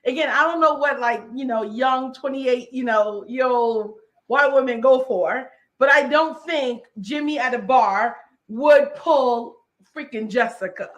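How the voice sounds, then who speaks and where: High-voiced woman podcast guest. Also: measured pace. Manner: casual and joking, laughs along. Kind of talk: casual chat.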